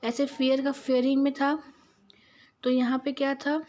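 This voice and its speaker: A woman teacher with an Indian accent explains English spelling rules in a grammar lesson. She reads each rule slowly in English, then explains it in Hindi, often checking in with "theek hai" and calling her students "beta". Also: sits high, level tone, a little mellow.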